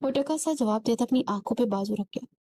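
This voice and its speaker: A woman narrating a romance novel in a steady storytelling reading. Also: on the high side, brisk, no echo. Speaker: audiobook narrator.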